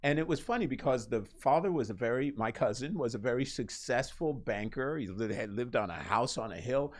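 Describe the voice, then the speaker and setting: A man's voice: mid-range voice, lively intonation, brisk. A man from Costa Rica hosting a radio talk show, asking questions in a chatty, joking way with many restarts. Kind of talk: casual interview chat.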